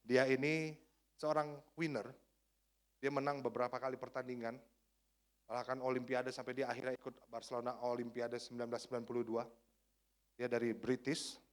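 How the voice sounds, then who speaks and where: A man preaching a sermon as a pastor, energetic and swinging between hushed and shouted lines. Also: mid-range voice, normal speed.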